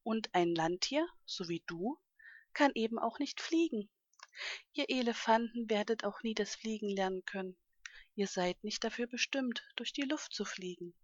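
A woman playing a large, friendly ostrich who talks in a gentle, patient, explaining way. The storybook audio is dry and somewhat muffled. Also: fairly high pitch, lively intonation, normal speed, no room sound. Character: big friendly male ostrich, calm and kindly.

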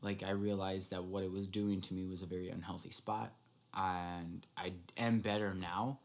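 A man's voice: sits low, level tone, normal speed. A man co-hosting a podcast in casual chat, blunt, joking and freely swearing. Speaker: podcast co-host.

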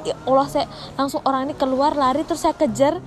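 High-voiced woman telling a tense story. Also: fairly even intonation, soft background music. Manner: hesitant, with frequent restarts and repeated phrases; shifts between hushed tension and loud, fast outbursts. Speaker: storyteller recounting a true personal experience. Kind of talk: casual spoken storytelling.

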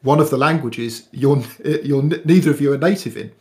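A man's voice: mid-range voice, fairly quick, darkish tone. Hesitant man in casual chat. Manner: hesitant, restarts words, thoughtful. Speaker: podcast guest.

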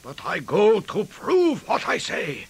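An earnest old professor in a radio drama, with a voice that is gravelly and rough. He pleads and presses hard, and his pitch swings high and low. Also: huge pitch swings, slow pace, heavily acted. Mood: urgent. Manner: emphatic, pleading. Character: elderly male professor, earnest and urgent.

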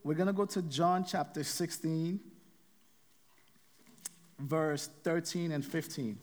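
A man preaching a sermon in a conversational, halting manner, often repeating phrases and adding fillers as he reads scripture. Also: on the high side, big-room sound.

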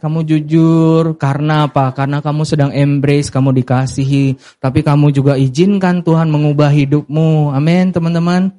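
A male preacher delivering a sermon in a high-pitched voice. He slips English words into his speech. He often calls out to the congregation and has them repeat lines to each other. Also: warm tone.

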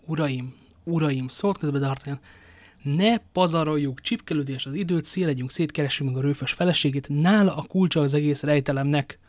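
A man's voice: fairly high pitch, no echo, close to an everyday voice. A man playing a bold young swordsman. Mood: urging. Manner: commanding, brisk. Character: bold young male guardsman, quick-witted leader.

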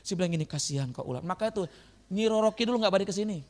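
A man preaching a sermon as pastor, lively and joking with his congregation in a church. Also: high voice, very fast.

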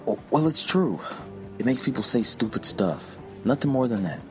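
A man's voice: mid-range voice, sing-song, normal speed, faint music behind, natural voice. An actor playing an evasive man who reassures hesitantly in an audio drama. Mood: evasive, placating. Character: evasive, placating man hiding local history.

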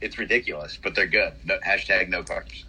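A young man co-hosting a casual podcast, opinionated and quick to agree, with plenty of fillers. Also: low-pitched, heavy background noise. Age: young adult. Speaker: podcast co-host. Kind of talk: casual chat.

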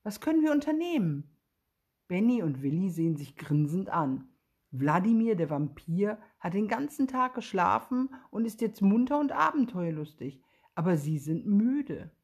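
Woman storyteller for a children's book, husky, lowish voice, gentle and expressive. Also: normal speed.

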